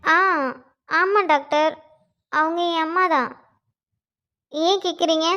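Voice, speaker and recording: Woman as orphaned college girl, very high, pleading and sobbing. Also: steady tone, slow, fairly bright tone, lo-fi sound, full character voice. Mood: anxious. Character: grieving young woman, college student, orphaned. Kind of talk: Tamil cartoon voice acting.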